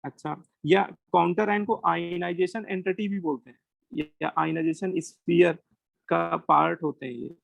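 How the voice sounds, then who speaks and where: A man's voice: a little high, steady tone, normal speed, creaky, fairly bright tone, no room sound. A man with an Indian accent teaches a chemistry class to students, asking questions and answering them himself, switching between Hindi and English. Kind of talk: classroom lecture.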